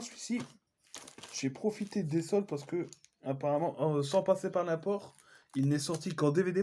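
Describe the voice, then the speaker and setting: A man's voice: on the high side, warm tone. A man chatting casually as he shows his film collection, hesitant, with many fillers and self-corrections. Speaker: collector vlogger. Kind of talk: casual unboxing chat.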